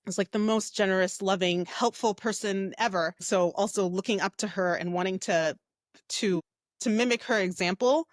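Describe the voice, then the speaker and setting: A woman from the United States speaks as a guest coach, reflective and unhurried in her storytelling. Her speech is full of fillers and checking tag questions. The sound is close and dry with no room echo. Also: medium pitch. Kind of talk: casual interview talk.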